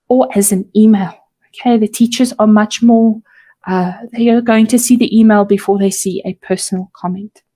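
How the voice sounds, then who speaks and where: A woman's voice: on the high side, warm tone. A woman teacher walking parents through an online system, her voice strained and failing, often correcting herself. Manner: careful, repeats and self-corrects while explaining.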